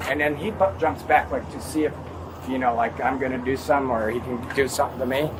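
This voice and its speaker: Halting male witness, noisy bodycam audio. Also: fairly even intonation. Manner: halting, rambling, acts out his own quoted words. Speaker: airport airline worker giving a witness account. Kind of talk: recounting an incident to police. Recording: noisy body camera audio, vehicle rumble.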